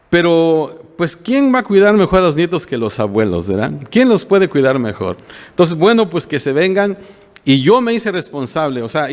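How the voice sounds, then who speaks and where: An older pastor preaches a homely, conversational sermon in a large hall, his voice fairly high in pitch. Plain-spoken, he keeps checking in with the congregation, often asking "¿verdad?".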